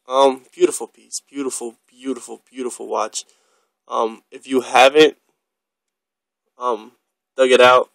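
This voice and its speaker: A man's voice: medium pitch, fairly bright tone, no echo, low-quality recording. A young man casually reviewing a watch on camera, rambling and enthusiastic, with lots of ums and the odd swear word.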